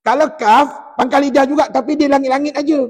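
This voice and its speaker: A man with a Malaysian Malay accent teaching a tajwid class in a mosque, explaining pronunciation and chanting verses slowly for the class to repeat. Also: extremely high pitch, fairly even intonation. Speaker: Quran recitation teacher. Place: mosque hall. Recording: long echo of a mosque hall.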